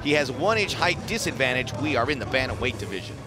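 A man's voice: mid-range voice, big pitch swings, quick pace. A man doing live play-by-play sports commentary in emphatic, punchy phrases. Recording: music behind commentary. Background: music.

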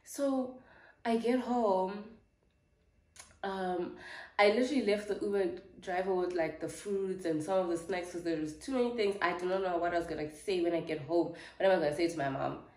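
A woman's voice: lowish voice, fairly quick, a little mellow, echoey room. A South African woman in her twenties telling a storytime vlog in a chatty, filler-heavy way. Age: 20s. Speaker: vlogger. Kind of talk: casual storytime chat.

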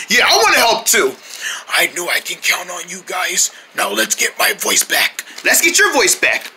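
Every role in this homemade paper puppet skit comes from one performer, who swaps between squeaky and deep put-on voices amid lots of shouting and crying. A little hiss or hum sits under the audio.

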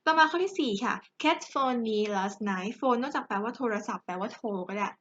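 A woman's voice: a little high, lively intonation, moderate pace, fairly bright tone. Chatty Thai woman teaching English. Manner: chatty, jokey teacher talk with students. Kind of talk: lesson. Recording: dull lo-fi recording.

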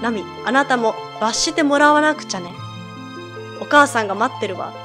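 An eerie ghost twin from a game who speaks in a cold, insinuating way, as a woman reads her. The voice is fairly high. Game music plays faintly behind. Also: animated, normal speed, close to an everyday voice.

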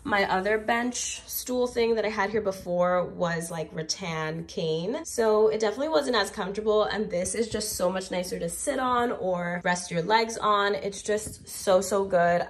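A young woman, congested from a cold, chatting enthusiastically as she walks through her apartment in a home vlog. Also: mid-range voice. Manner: chatty and enthusiastic, walking around. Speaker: lifestyle vlogger. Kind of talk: casual home vlog walkthrough. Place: apartment indoors.

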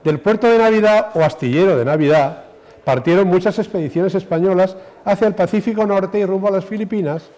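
A man's voice: high voice, a little fast, mellow. A man in his sixties giving a formal scripted address as a presenter at a lectern. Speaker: presenter introducing speakers. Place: indoor conference stage at lectern. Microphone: lectern microphone.

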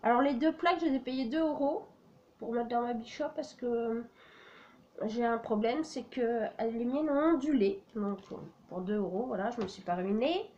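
A woman's voice: a little high, normal speed, mellow, muffled recording. A woman casually showing her flea-market craft finds, hesitant and full of "euh" and "voilà". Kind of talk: casual show-and-tell vlog.

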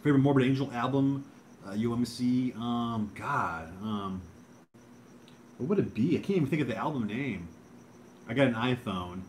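A young man hosts a casual livestream, answering viewer comments. He talks in a hesitant, self-deprecating mumble with many restarts, at a middle pitch with a faint hum behind him. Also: animated, moderate pace, long pauses. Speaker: livestream host.

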